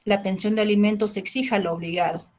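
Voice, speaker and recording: A woman with a Peruvian Spanish accent giving a family-law training lecture, explaining in a plain, measured way with rhetorical questions and small hesitations. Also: medium pitch, steady tone, darkish tone.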